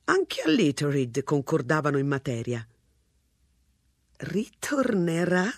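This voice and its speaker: An audiobook narrator reading a comic story with lively, characterful expression. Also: mid-range voice, moderate pace, husky, no echo, clean studio sound. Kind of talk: scripted narration.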